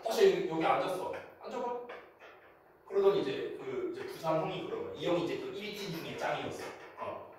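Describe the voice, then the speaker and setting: A man's voice: a little high, quick pace. A man teaching a class, telling a long story and acting out the voices of the people in it. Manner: lively, acts out quoted voices in a storytelling lecture. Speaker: English teacher. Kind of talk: lecture with storytelling. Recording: roomy echo, from a distance.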